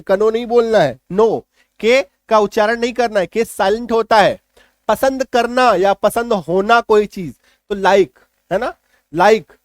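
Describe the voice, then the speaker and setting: A man, an English teacher patiently explaining vocabulary in a lesson and often checking if it is clear. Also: high voice, no room sound, studio quality.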